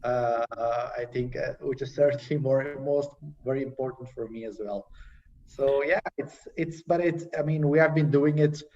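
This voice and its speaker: A young man speaks as a panel guest in a relaxed, conversational way, often stopping with fillers and restarting. His voice sits at an ordinary pitch. The video-call audio is dull and sounds as if he is some way from the mic. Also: far from the mic. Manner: halting, many fillers and restarts. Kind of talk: casual conversational sharing.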